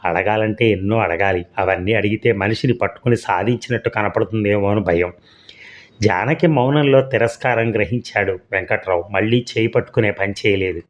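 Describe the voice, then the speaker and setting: A man narrating a serialized story in a steady, measured reading. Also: lowish voice. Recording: dull lo-fi recording.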